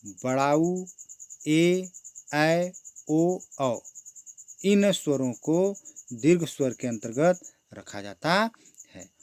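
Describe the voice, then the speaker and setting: A male teacher explains a lesson at an unhurried, measured pace. He poses a question, answers it, then says the answer again, drawing out each item as he lists it. The recording is close and dry, with almost no room sound. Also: a little high, a little mellow, no room sound. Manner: recites items one by one, stretched out.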